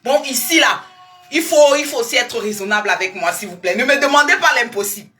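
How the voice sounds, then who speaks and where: A young woman, a weight-loss coach chatting live to her followers in a lively, repetitive, coaxing way. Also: on the high side, fairly quick, faint music behind. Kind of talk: casual live-stream talk to followers.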